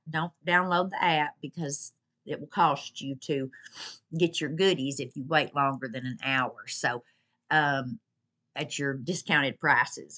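This vlogger has a deep, somewhat bright voice as she reviews a shopping haul on camera. She talks casually from home, pets nearby, gushing and going over the same points again.

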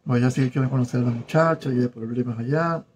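A man in his forties, a former telenovela actor, chatting casually on a live stream, greeting viewers by name with warm, flirtatious charm. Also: mid-range voice, slight background noise. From Venezuela. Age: 40s. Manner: warm, flirtatious, reads viewer names aloud haltingly. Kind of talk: casual live-stream chat reading comments. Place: home in South Florida.

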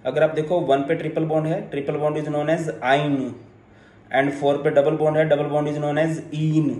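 A male chemistry teacher gives an online lecture in a slightly high, mellow voice. He walks through each step, slips English terms into his sentences and teases his students along the way. The sound has a roomy echo. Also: flat delivery, slow pace.

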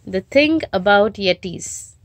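This storybook reader and children's story-time host reads a picture book aloud to young children indoors in a home bedroom, quizzing them as she goes. Her medium-pitched voice has lively intonation and an unhurried pace, with heavy background noise.

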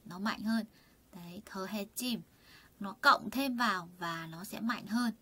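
A woman teaching a Korean lesson online, chatty and full of fillers, asking her students rhetorical questions and saying words slowly for them to repeat. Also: mid-range voice, pushed and bright, husky. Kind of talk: online lesson explaining vocabulary and grammar.

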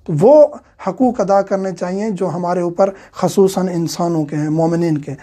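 A man teaching a religious lecture in a steady, explanatory way, with frequent filler sounds. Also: high-pitched.

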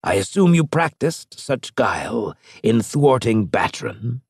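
A man's voice: mid-range voice, sing-song, slow, creaky, darkish tone, slightly rough, no echo, clean studio sound, voice pushed up, heavily acted. A man voicing a calculating male alien strategist with a scratchy, clipped, condescending delivery in an audiobook. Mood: cold. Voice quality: scratchy disguised voice. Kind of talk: audiobook character voice.

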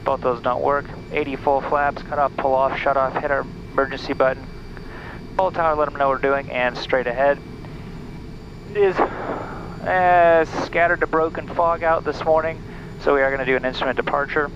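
A man in his thirties speaks through a headset in a small plane's cockpit, calmly walking through each checklist item in order. His voice sits in a middle range and sounds a little muffled. Steady engine noise runs loud under every word. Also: medium pitch, normal speed. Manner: methodical, running through checklists aloud. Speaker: bush pilot. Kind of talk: cockpit vlog narration and radio calls.

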